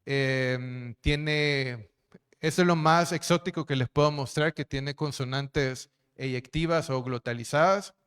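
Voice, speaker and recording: A man's voice: medium pitch, slow, fairly bright tone, clear, resonant tone. A man giving a lecture as a linguist, explaining slides with frequent fillers and tag questions. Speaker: linguist and researcher giving a talk.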